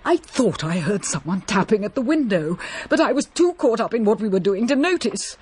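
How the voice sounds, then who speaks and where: A woman's voice: mid-range voice, sing-song, normal speed, a little mellow, slight background noise, lightly acted. A woman playing a blunt, shaken countrywoman. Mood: urgent. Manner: brusque, distraught. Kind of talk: radio drama acting.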